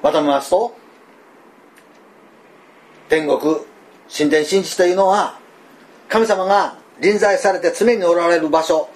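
An older man with a Kansai accent, preaching a sermon in a folksy, animated way, full of fillers and asides. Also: high voice, slow pace, long pauses. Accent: Kansai (Osaka dialect). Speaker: pastor.

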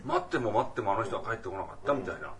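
A man casually chatting about a film, lively and often laughing as he mimics the characters. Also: fairly low pitch, rapid-fire, recorded from a distance, crowd noise. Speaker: podcast co-host. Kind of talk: casual film-review chat.

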